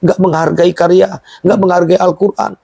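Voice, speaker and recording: A man's voice: sits high, flat delivery, moderate pace, vocal fry, dark tone, no room sound, studio quality. A middle-aged man founding a Quran museum and boarding school, telling his story in an emphatic, emotional way during an interview.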